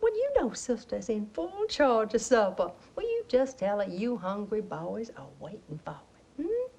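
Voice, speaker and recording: A woman's voice: on the high side, big pitch swings, moderate pace, darkish tone. An actress playing a middle-aged faded Southern belle mother, genteel and nostalgic, chattering with a Southern accent and theatrical laughs. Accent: American Southern. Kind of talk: stage play acting.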